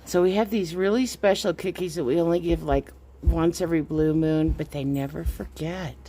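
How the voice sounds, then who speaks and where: A woman vlogging around her snowy farm outdoors in a chatty way, switching to high sing-song baby talk for her animals. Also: steady tone, normal speed, dark tone. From Colorado. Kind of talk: casual vlog narration.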